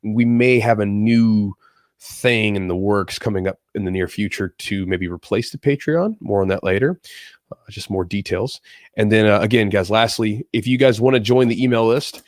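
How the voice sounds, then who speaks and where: Here a podcast host talks at normal speed in a voice on the low side, slightly congested and nasal. His chat is casual and unplanned, wandering and repeating itself, in a dry, studio-quality recording.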